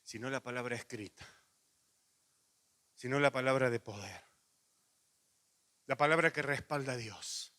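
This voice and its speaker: A middle-aged man with a Rioplatense Spanish accent preaching a sermon, moving from lively anecdotes to hushed, earnest appeals. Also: medium pitch, unhurried, long pauses. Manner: animated storytelling with laughs, then quiet intimate pleading. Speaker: pastor.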